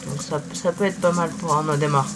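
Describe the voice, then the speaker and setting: A young man hosts a gaming video with a sore, swollen-tonsil voice. His delivery is very even and halting as he searches for words. Loud music plays behind his casual cycling commentary. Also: on the high side. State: sick with tonsillitis, swollen-throat weakened voice.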